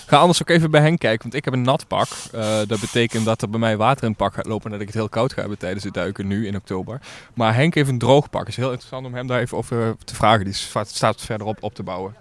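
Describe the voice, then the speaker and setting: A man's voice: on the low side, racing, hardly any pauses. A man, a diver, talks plainly through his equipment while standing outdoors by a lake. His tone is matter-of-fact and explanatory. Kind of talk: explaining gear casually.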